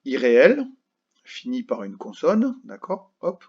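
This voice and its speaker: Husky man teaching children patiently. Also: medium pitch, wildly swooping pitch, a little mellow, highs cut off. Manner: slow, patient, spells words out letter by letter. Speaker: primary school teacher. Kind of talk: recorded grammar lesson for children.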